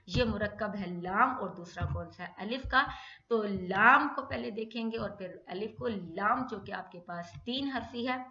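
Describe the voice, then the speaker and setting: A woman teaching a Quran recitation lesson, putting questions to herself, answering them, then drawing out each letter slowly. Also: medium pitch, pushed and bright. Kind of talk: tajweed lesson in Hindi-Urdu. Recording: dull echoey room recording.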